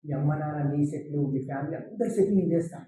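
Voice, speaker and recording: A man's voice: fairly high pitch, very fast, background noise, lightly acted. A man playing a pushy male boss who keeps coaxing and pressing an employee, repeating his offers. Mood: insistent. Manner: insistent, coaxing, repeats himself. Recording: echoey room.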